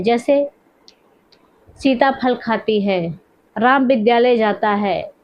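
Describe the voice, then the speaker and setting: A woman teaching a grammar lesson, repeating each point and asking questions as she dictates the examples slowly. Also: on the high side, lo-fi sound.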